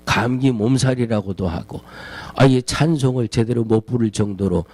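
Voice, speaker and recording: A man's voice: darkish tone, no echo. A male Korean pastor preaching a Sunday sermon with passion, acting out pleas to God in a raised voice. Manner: impassioned preaching, voicing pleas in a raised pitch.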